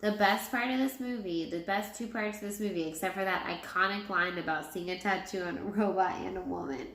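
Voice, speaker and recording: A woman's voice: mid-range voice, brisk, a bit bright. Tipsy, rambling woman in an echoey room. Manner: tipsy, rambling, repeating herself. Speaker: movie reviewer. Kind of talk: casual rambling film review chat.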